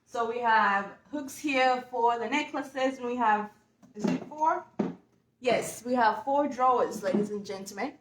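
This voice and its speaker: This furniture painting vlogger, a young Ugandan woman, chats casually and cheerfully to viewers as she works at home. Her fairly high voice is unhurried, captured by a camera mic in an echoey room with slight background noise.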